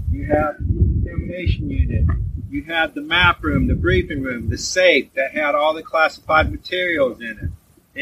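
Male guide talking informally on site, slightly high pitch, recorded from afar over noisy surroundings. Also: gravelly. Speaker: tour guide. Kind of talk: informal explanatory tour talk. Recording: distant mic, noisy vehicle ambience.

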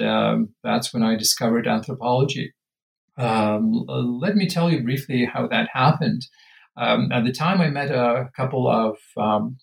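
A man's voice: medium pitch, creaky, low-quality recording. A man in his fifties, born in Lithuania, speaking as an anthropology professor in an interview, thoughtful and full of hesitations. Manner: thoughtful, many hesitations and fillers. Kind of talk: academic interview.

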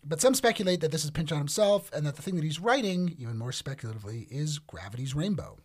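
A man co-hosting a podcast, narrating from a script and explaining ideas in a measured way with hedging fillers. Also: a little high, lively intonation, a little mellow, breathy edge. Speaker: podcast co-host. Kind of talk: scripted narration with casual discussion.

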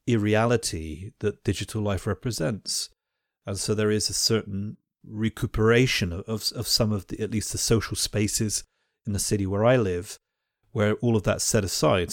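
On the low side, this man's voice comes through a dry, studio-quality recording. He teaches at a university and hosts a podcast, and his reflective, conversational talk is academic and thoughtful, with phrases he often begins again.

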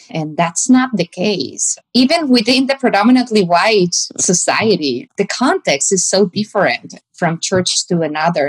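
Speaking with a Mexican Spanish accent, a female pastor from Mexico thoughtfully responds to an interviewer and now and then pauses to find her words. Her pitch is fairly low, and the audio is poor.

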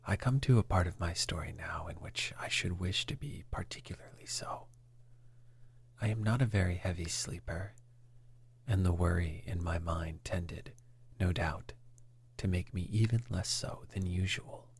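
Slow, breathy whispering male reader. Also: low voice. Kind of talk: whispered story reading.

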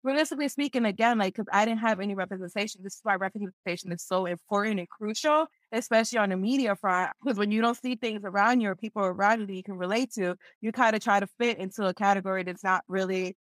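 This podcast guest, a chatty young woman from Philadelphia, USA, talks quickly with few pauses in a medium-pitched voice. The sound is dry and close-miked. It's a casual interview, and she's lively, laughing a lot and peppering her speech with "like."

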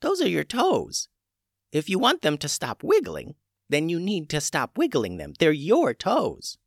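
A brisk, unflappable old witch woman with a lively voice that climbs high, as a man puts her on for a storybook. She talks in a plain matter-of-fact way, recorded dry and close. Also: creaky, dry recording, heavily acted.

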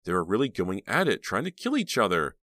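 A man's voice: on the low side, very animated, fairly quick, pushed and bright, no room sound, voice pushed up. A man voicing a determined teenage girl, speaking in an intense, urgent way in an audiobook. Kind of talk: audiobook character voice.

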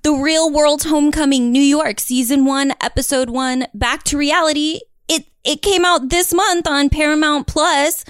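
A woman co-hosting a podcast in casual chat, bubbly and quick to laugh. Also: high voice, steady tone, no room sound, clean studio sound. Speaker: podcast co-host.

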